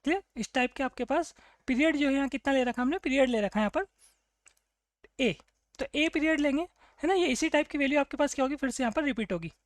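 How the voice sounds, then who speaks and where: A woman's voice: high-pitched, fast, no echo. A woman teaching a math problem, asking the class questions and answering them herself. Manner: asks and answers her own questions, "clear?" checks. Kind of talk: explaining a math problem on a board.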